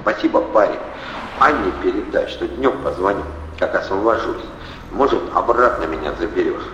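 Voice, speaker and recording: A man reading an audiobook voices an unhurried man speaking offhandedly. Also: deep voice, expressive, background noise. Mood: casual. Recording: dull, roomy, long reverb.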